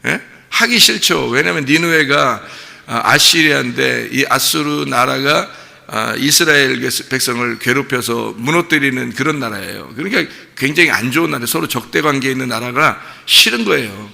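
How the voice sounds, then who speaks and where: A man's voice: mid-range voice, animated, normal speed, gravelly, pushed and bright, big-room sound. A man preaching a conversational dawn sermon as a pastor, often asking the congregation questions and acting out quotes. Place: church sanctuary.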